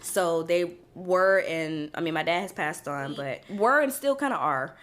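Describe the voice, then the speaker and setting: A woman's voice: lowish voice, measured pace, a bit bright. A young adult woman hosting her own podcast, talking things through in a casual, reflective way with lots of fillers and restarts. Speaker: podcast host. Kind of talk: casual solo podcast monologue.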